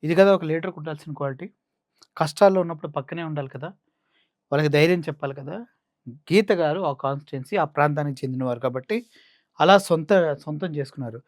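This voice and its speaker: A man's voice: fairly high pitch, fast, long pauses, dry recording, clean studio sound. A man with a Coastal Andhra Telugu accent giving mocking, sarcastic political commentary. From Andhra Pradesh.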